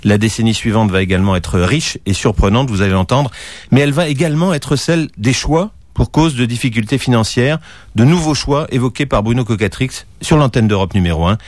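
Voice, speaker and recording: A man's voice: mid-range voice, animated, a little fast, dry recording. A man presenting a radio programme from a script in a studio. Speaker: radio host. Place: dry studio.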